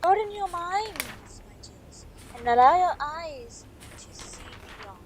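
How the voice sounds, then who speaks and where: A woman acts out an airy, theatrical professor of divination for an audio play. Her voice sits high and soft-toned and swings widely in pitch as she dramatically draws out her prophecies of doom. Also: lively intonation, slight background noise, full character voice. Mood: airy, portentous. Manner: dramatic, portentous, drawn-out delivery.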